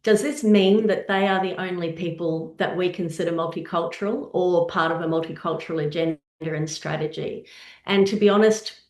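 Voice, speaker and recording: A woman presents from her slides in an earnest, measured way, working through rhetorical questions. Her voice sits a little low, and the room around her adds a noticeable echo. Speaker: presenter on intercultural practice.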